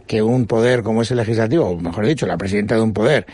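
A man's voice: lowish voice, very fast, a little mellow, husky, no room sound. A man hosting a radio interview, asking long, articulate questions and offering his opinions. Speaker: radio host.

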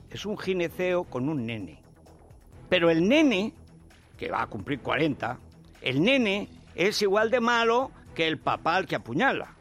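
Man, Spain Spanish accent, mocking combative commentary, fairly high voice, swooping lively pitch, soft music behind. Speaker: political commentator. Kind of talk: opinion monologue.

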